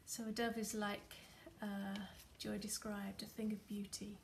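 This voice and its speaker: Woman, meditation leader: soft, unhurried, slightly gravelly voice, level delivery, faint background noise. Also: medium pitch, little pitch movement. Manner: soft, gentle, many fillers; often drops to a near whisper. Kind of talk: guided craft meditation. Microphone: computer or phone camera.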